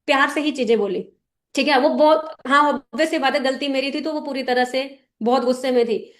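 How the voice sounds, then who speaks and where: Brief: a woman with a high voice leads a team meeting, firm and instructive, often checking everyone is following. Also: a little fast. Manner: direct and instructive, often checking listeners understand. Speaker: team leader addressing a business meeting. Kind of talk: motivational talk to a sales team.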